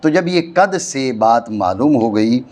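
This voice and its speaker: A man with a Pakistani Urdu accent teaching a classroom grammar lesson, explaining slowly and often checking that his students follow. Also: medium pitch, animated, darkish tone, slight background noise. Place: madrasa classroom.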